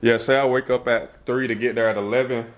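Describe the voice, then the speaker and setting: A young man vlogging casually to his phone camera, rambling loosely with slangy speech and thinking out loud as he corrects himself. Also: mid-range voice, little pitch movement, a little fast. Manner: laid-back slangy speech. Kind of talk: casual vlog talk to camera. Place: at home, then in a car before dawn.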